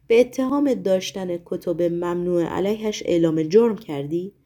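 A man's voice: sits high, mellow, close to an everyday voice. Woman doing a nasal demon guy, accusing and menacing, storybook reading. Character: nasal sly male demon henchman.

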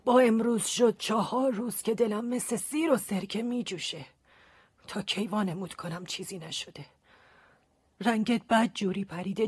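A woman's voice: medium pitch, a little mellow, husky, no echo, lightly acted. A woman acting a fussy, doting elderly aunt in a radio drama, fretful and pleading. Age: older.

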